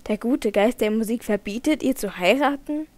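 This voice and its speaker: A woman's voice: a little high, moderate pace, a little mellow, no room sound, close to an everyday voice. A woman voicing an anxious young nobleman in an audiobook, asking urgent, distressed questions. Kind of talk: audiobook character reading.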